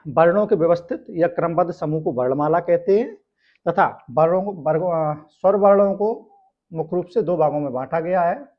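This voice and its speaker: A male teacher from India explaining a grammar lesson step by step, often checking in with tag questions. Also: sits high. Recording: dull lo-fi sound.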